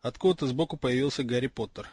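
A man narrating an audiobook in a measured storytelling manner, with a slightly husky voice. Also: mid-range voice, darkish tone, no echo. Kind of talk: scripted narration.

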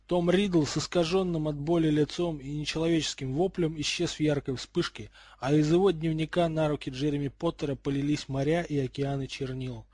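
A man narrating a storybook with a steady, expressive reading. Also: a little high, a little fast, few pauses, no echo, studio quality. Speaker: audiobook reader.

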